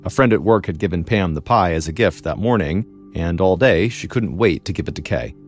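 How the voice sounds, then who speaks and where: A man hosting a podcast, telling a true crime story in a measured, dramatic way with pauses. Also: low-pitched, animated, faint music behind. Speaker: podcast host and narrator.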